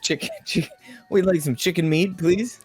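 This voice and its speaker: A man's voice: sits high, normal speed, darkish tone, breathy edge. A man playing a tabletop game, speaking in casual improvised banter. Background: music.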